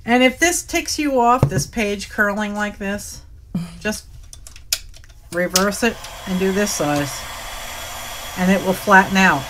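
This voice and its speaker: A woman's voice: medium pitch, slow, pauses often. A woman hosting a live craft stream, chatting casually and joking as she shows her steps. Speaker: craft show host. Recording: faint background noise.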